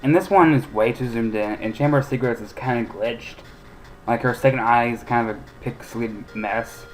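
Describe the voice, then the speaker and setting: A man's voice: medium pitch, normal speed, poor audio. A man casually commenting on a retro game he is playing, rambling and opinionated with many hesitations. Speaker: let's play host.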